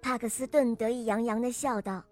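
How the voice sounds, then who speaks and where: Woman storyteller for kids, high bright voice, animated reading, light music underneath. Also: a little fast. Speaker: children's storyteller. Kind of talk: scripted children's story narration.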